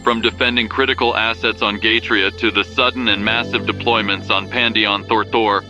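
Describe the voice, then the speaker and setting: Music playing, guy doing deep-ish grave war broadcast anchor, rallying the troops, sci-fi bulletin. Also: fairly even intonation, normal speed, dull audio, natural voice. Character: rousing male military war-bulletin anchor in sci-fi world. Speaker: bulletin host. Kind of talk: scripted wartime news broadcast. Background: prominent background music.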